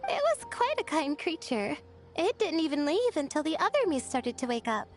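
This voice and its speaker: A woman voicing a shy, sleepy young female student in a video game, who speaks softly and hesitantly and stammers when she is nervous. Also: sits high, very animated, normal speed, slight background noise. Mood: calm. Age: young adult. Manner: hesitant and stammering, soft-spoken. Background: soft game music.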